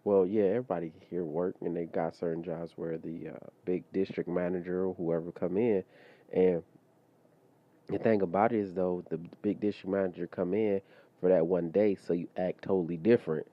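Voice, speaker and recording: On his casual solo podcast, a host with a very deep, low voice speaks off the cuff at a moderate pace. He drifts loosely and relaxed, circling back with asides and fillers like "you know what I mean." The recording sounds somewhat dull and lo-fi.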